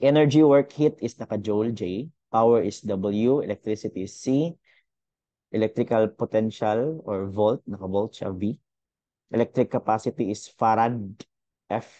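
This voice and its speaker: A young man teaching a casual online physics lesson. His voice sits a little low and sounds mellow and warm, recorded dry and close. He talks in a chatty way, thinking aloud with fillers. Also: measured pace, dry recording, lo-fi sound.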